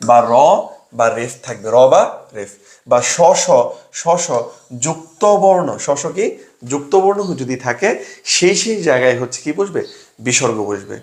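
A man's voice: medium pitch, big pitch swings, normal speed, long pauses, echoey room. Young man drilling a grammar rule. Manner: drills by asking and answering his own questions. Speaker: admission coaching tutor. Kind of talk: classroom lesson with sales pitch.

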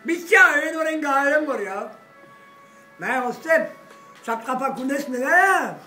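An older man rambles loudly at a cafe table, heard from across the table by a phone camera in a roomy, echoing space. Music plays clearly behind him, and his voice sits at a middling pitch, rough with swearing and sudden shouts. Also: expressive, slow, far from the mic. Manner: boisterous, rambling, swearing, sudden loud outbursts. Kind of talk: rowdy table talk. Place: cafe with glass front, indoors. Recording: echoey room, voice off-mic, music behind.

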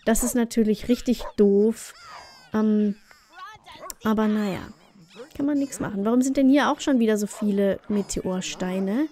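A woman's voice: medium pitch, a little slow, dark tone. A woman hosting a let's play, chatting casually through her gameplay and talking directly to the game characters.

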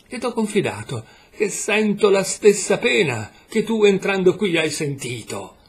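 A man's voice: mid-range voice, slow pace, slightly rough. A man reading the words of a sorrowful youth in a portrait, despairing and reproachful.

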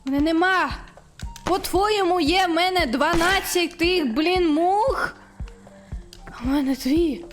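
High-voiced, excitable woman gamer. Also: slow pace, music in the background. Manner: excitable, shrieks when frustrated; talks to the game. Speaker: gaming streamer. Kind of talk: let's-play commentary.

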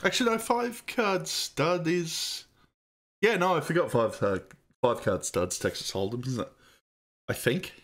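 A man's voice: a little high, animated, a little slow, fairly bright tone. A man casually commenting on an old computer game he plays, swearing and rambling. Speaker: let's play host.

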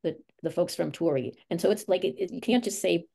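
A woman's voice: lowish voice, brisk, creaky, dark tone, breathy edge. A woman on a video call in a board meeting, her audio breaking up and dropping out as she talks, hesitant and restarting her phrases. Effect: choppy, breaking-up video call audio. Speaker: board of health member. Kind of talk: remote meeting discussion.

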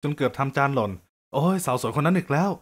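A man telling a scripted first-person story in a lively, joking, conversational way. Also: medium pitch, fast talker.

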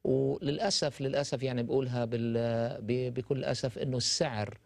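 Older male doctor, studio guest, explanatory, mid pitch, dry lapel sound. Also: fairly even intonation, brisk, creaky, dry recording. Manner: explanatory, gestures while talking, mixes in English terms. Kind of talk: medical talk show discussion.

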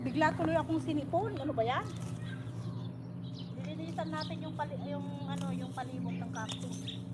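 A middle-aged woman from the Philippines rambling in a casual live vlog while weeding outdoors, reading viewer comments aloud. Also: high-pitched. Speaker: vlogger. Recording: clear outdoor noise with birds.

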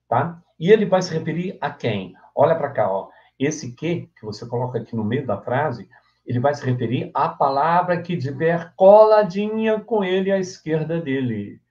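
Man teaching English with quick question drills. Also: medium pitch, warm tone, dull audio. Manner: explains step by step with question-and-answer drills; checks in with short questions like "tá?". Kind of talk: exam-prep lesson at a whiteboard.

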